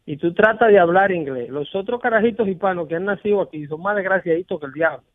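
A man's voice: sits high, fast talker, dry recording. A man hosting a radio show in casual Spanish-language talk, emphatic and opinionated, acting out the callers he quotes. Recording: dry, narrow phone-like sound.

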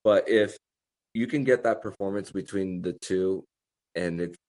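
A man hosting a sports podcast in casual discussion, haltingly repeating words as he thinks. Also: deep voice, a little mellow.

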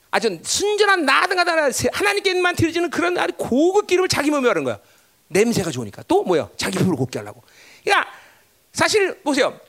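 A man preaching a sermon, emphatic, constantly asking the congregation for agreement. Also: a bit bright. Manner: emphatic, pitch swinging widely, constant tag questions to the congregation. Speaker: pastor.

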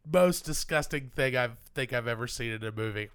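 A man's voice: mid-range voice, brisk, fairly bright tone, clean tone, dry recording. A man co-hosting a podcast, recapping a film's plot in a casual chat with wry, dry humor. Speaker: podcast co-host. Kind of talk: casual film discussion.

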